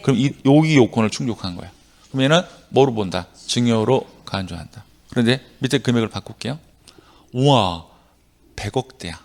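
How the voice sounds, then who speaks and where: A middle-aged male lecturer teaches a live class, drilling his students and having them recite each rule back to him. His pitch swings widely from line to line, and his voice has a gravelly edge. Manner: animated, jumps between loud and quiet. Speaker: tax law lecturer.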